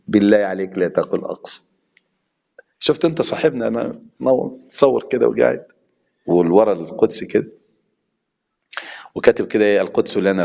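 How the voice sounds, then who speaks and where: Fast-talking Egyptian preacher in a reverberant hall. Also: male voice, low voice, creaky, darkish tone, dull audio. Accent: Egyptian Arabic. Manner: impassioned, switching between classical and colloquial speech. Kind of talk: sermon.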